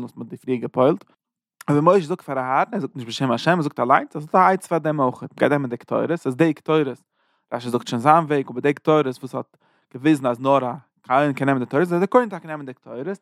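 A man giving an informal Torah lesson, speaking emphatically and jumping up in pitch on key points. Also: vocal fry, no echo, clean studio sound. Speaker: Torah teacher.

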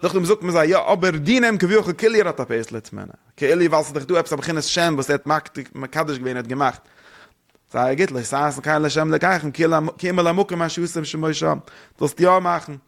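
Fast-talking man teaching a religious lesson. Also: on the high side, fairly bright tone. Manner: fast and rambling, with rhetorical questions.

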